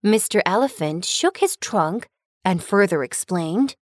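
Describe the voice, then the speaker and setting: A woman narrating a scripted children's cartoon story with a bright storytelling lilt. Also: medium pitch, animated, a little slow, no room sound, studio quality.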